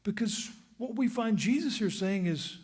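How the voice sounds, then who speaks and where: A husky-voiced male pastor delivering a church sermon. His voice sits fairly high for a man, and he repeats phrases for emphasis. He swings from loud, pressing lines down to near-whispers. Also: lively intonation, normal speed. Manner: emphatic, repetitive, sudden drops to a hush.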